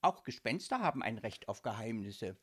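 A man voicing an excitable lovesick male ghost in a children's audiobook, with shrill squealing outbursts. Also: moderate pace, slightly rough. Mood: indignant. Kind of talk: audiobook character voice.

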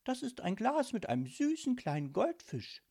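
A man's voice: very high voice, very animated, normal speed, vocal fry, darkish tone, husky, voice pushed up, full character voice. A man voicing a polite, sweet twelve-year-old girl in a storybook reading. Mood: cheerful. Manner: polite, chirpy.

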